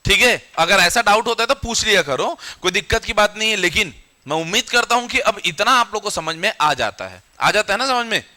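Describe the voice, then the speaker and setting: A young adult man teaching a grammar lesson to a classroom, quizzing the students with questions and answering them himself, and slowing down to dictate the rules. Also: high voice, animated, pushed and bright.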